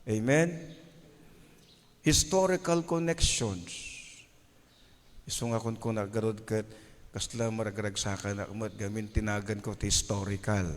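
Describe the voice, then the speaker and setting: A man's voice: lowish voice, lively intonation, measured pace, pauses often, a little hiss or hum. A man with a Filipino accent, a parish priest preaching a Mass homily who keeps asking the congregation "Amen?" and mixes Ilocano with English. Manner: preaches to a congregation, often asks "Amen?" for a reply; mixes Ilocano with English, tells stories from his own ministry. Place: large church. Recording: long church reverb.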